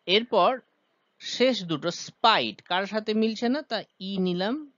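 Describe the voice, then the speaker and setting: A man's voice: high voice, slow pace, fairly bright tone, no room sound, highs cut off. A man teaching a poem's rhyme scheme and meter, explaining step by step with frequent "ah" hesitations. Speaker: literature teacher.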